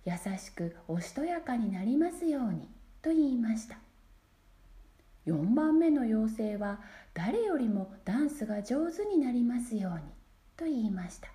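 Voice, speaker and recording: A woman narrates a scripted fairy tale like a storybook reader, her high voice animated yet mellow. She reads in a gentle, measured way, letting phrase endings drop into whispers, in an echoey room.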